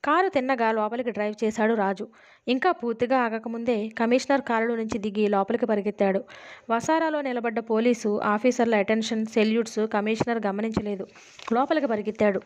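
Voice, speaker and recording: A woman's voice: a little high, a little fast. A woman reading a detective novel aloud, steadily, in a storybook manner. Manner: steady storybook reading, dialogue read with little change of voice.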